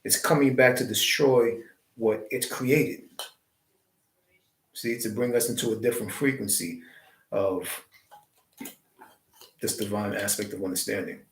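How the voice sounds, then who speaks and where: A man's voice: on the low side, steady tone, unhurried, pauses often, a little hiss or hum. A man hosting a live stream, giving a preachy spiritual monologue full of wordplay and rhetorical questions. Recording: roomy echo.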